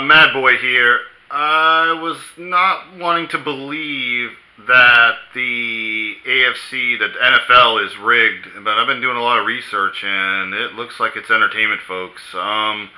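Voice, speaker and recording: A man commenting on a football play in a casual vlog, emphatic and incredulous, slowly stressing his words. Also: mid-range voice, bright, forceful tone, low-quality recording.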